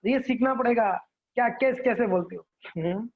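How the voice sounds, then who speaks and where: A man's voice: very high-pitched, moderate pace. A man giving a conversational devotional class, checking in with listeners and acting out examples. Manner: conversational teaching with frequent check-ins and acted examples. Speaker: devotional lecturer. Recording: dull lo-fi recording.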